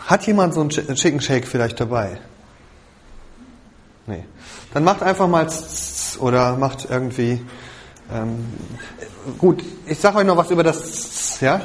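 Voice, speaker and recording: A man's voice: a little high, a little hiss or hum. A man leading a worship music workshop, explaining how to arrange songs for a band to a group. He thinks aloud, often checks in with "ja?" and hums the drum patterns. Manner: keeps checking with "ja?" and vocalizes drum rhythms. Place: rehearsal or workshop room with a group.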